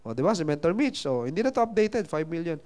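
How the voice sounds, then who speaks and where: A man's voice: fairly high pitch, big pitch swings, quick pace, a little mellow. A man giving a motivational seminar talk, chatty and playful, asking his audience questions. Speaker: seminar speaker.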